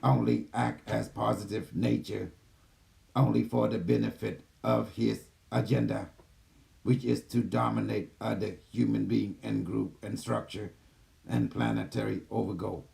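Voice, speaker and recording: A man voicing a gentle, calm male care robot that speaks in soft, low, clipped system announcements over a video call. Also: unhurried, vocal fry. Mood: calm, mechanical. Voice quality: soft, low, even machine-like delivery. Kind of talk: channeling a machine entity on a video call.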